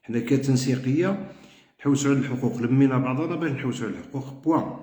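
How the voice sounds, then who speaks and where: A man's voice: mid-range voice, racing, mellow. A middle-aged man with an Algerian Arabic accent, a veterans' group coordinator, making a heated, repetitive appeal to his members. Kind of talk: impassioned spoken appeal. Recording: roomy echo.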